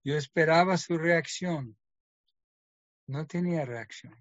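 A man's voice: a little high, slow, dry recording, lo-fi sound. A middle-aged man giving an earnest personal testimony, acting out the lines of the people in his story. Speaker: testimony speaker.

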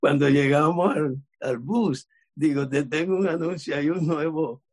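Husky guy telling church friends a story, does everyone's lines. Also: fairly high pitch, measured pace. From Cuba. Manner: lively retelling, acts out quoted dialogue. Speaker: church member sharing testimony. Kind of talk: casual storytelling testimony.

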